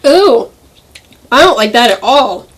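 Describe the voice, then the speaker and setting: An easygoing woman who is a guest on a casual snack taste-test. She chats and offers quick opinions in a slightly high voice. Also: sing-song.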